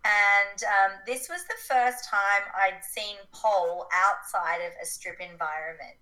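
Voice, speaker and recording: A woman chatting casually as a podcast guest, her voice raspy like a smoker's and still recovering from being sick. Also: medium pitch, unhurried, sharp tone, poor audio. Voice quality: raspy, rough voice like a smoker's rasp. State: voice recovering from sickness. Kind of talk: casual interview chat.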